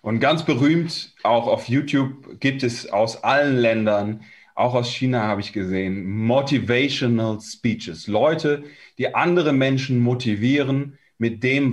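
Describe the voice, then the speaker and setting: A German man preaching a sermon in short, conversational phrases, pausing for his interpreter. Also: mid-range voice.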